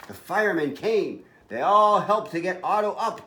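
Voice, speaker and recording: An animated storybook reader tells a children's tale in a lively voice that swoops up and down. The reading is expressive and full of energy. The room around the voice echoes. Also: medium pitch, normal speed.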